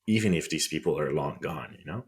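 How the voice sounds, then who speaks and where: A man's voice: a bass voice, animated, fairly quick, breathy edge. A man with a French accent, co-hosting a podcast and telling history in a conversational way with wry, indignant asides. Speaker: podcast co-host.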